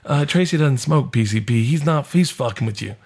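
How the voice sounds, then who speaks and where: A man's voice: mid-range voice, expressive, fairly quick, darkish tone. A man voicing an older male comedian who gives firm, streetwise advice. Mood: advising. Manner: firm, advising, calls the listener shorty.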